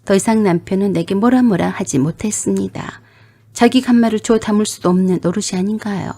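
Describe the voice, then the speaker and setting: A woman telling a family story as scripted narration, steady and plain, with blunt retorts in her own part. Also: mid-range voice, a little fast.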